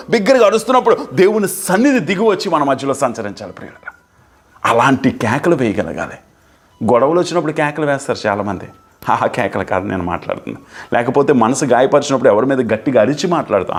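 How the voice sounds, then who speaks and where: A man preaching a fervent sermon as pastor, building emphasis through repeated phrases. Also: mid-range voice. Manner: fervent, repetitive preaching, rising and falling emphasis.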